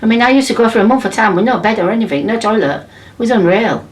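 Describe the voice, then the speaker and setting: A woman's voice: mid-range voice, lively intonation, fast talker. A woman in her fifties from England, telling her story bluntly and emphatically in a documentary interview. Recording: distant mic with faint background ambience.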